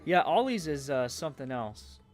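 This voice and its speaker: A man's voice: on the high side, sing-song, normal speed, slight background noise. Rambling Canadian man chatting while building. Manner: rambling, with frequent fillers and trailing off. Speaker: streamer. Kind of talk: casual chat while building a Lego set. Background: faint game music.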